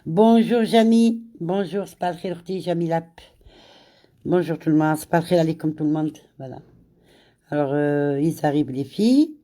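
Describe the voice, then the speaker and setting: With a deep, dark voice, this woman hosts a casual live chat while she has a cold. She speaks slowly, repeats words, names viewers as she greets them, and slips in Arabic greetings.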